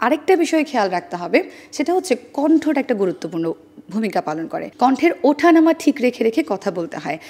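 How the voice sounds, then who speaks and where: A woman guest in an interview, explaining how to pronounce words, with careful, precise diction and a measured, deliberate delivery. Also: a little high, very animated, dark tone, slightly rough. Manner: careful, precise standard pronunciation, demonstrating sounds. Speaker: interview guest on speech and pronunciation.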